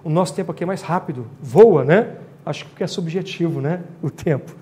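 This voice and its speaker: High-voiced male teacher. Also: brisk, warm tone. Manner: explanatory, checks in with tag questions. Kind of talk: exam-prep grammar lecture.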